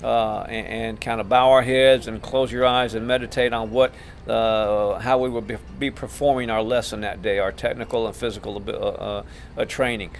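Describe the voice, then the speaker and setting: A man's voice: lowish voice, little pitch movement, moderate pace, a little hiss or hum. A middle-aged man, a martial arts instructor, teaching class terms in an instructional video, patiently repeating each term.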